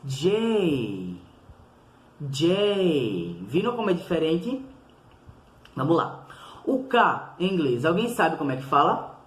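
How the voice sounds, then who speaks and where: A man, a primary school teacher giving a recorded lesson to children, patiently repeating each sound slowly and clearly. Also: fairly high pitch, very animated, a bit bright, reverberant.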